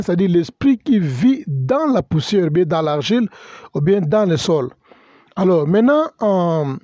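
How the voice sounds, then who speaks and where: A man's voice: high voice, warm tone, no room sound, muffled recording. A male pastor giving a teaching sermon, hesitant and full of fillers, spelling out words and mixing in English terms. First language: bilingual English and French. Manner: hesitant, many fillers and self-corrections.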